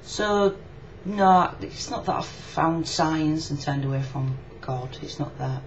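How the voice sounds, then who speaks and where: Slow and deep-voiced, a woman from Yorkshire shares a casual, frank and reflective personal video reply as a video blogger. She sits indoors in a room, and the webcam sound is muffled and lo-fi with noticeable background noise.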